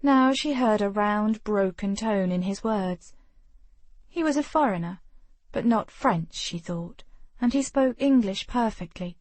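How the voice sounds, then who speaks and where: Woman audiobook narrator, unhurried, steady, dry studio sound. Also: mid-range voice, no echo. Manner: measured, steady storytelling. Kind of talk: scripted narration of a historical romance.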